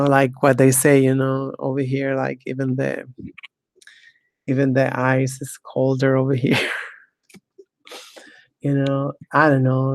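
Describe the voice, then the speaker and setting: Slow, gravelly woman in her fifties. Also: a bass voice, a little mellow, no room sound. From Mexico. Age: 50s. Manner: rambling, heavy use of "you know" and "like"; scornful, ranting. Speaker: talk show host. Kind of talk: casual solo monologue.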